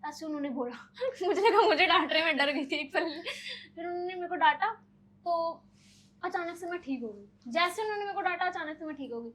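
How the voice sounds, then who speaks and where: Animated young woman telling a story. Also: extremely high pitch, fairly quick, poor audio. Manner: animated, frequent filler "ना". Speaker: podcast guest. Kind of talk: casual storytelling.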